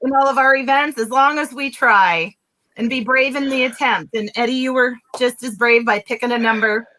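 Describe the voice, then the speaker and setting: Woman, event host, high bright voice, upbeat, encouraging, casual chat. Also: moderate pace, rough recording. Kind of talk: casual live event hosting.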